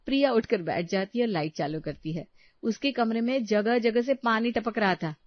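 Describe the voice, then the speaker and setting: Woman storyteller, steady plain narration, highish voice, dry, slightly dull sound. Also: normal speed, dry recording.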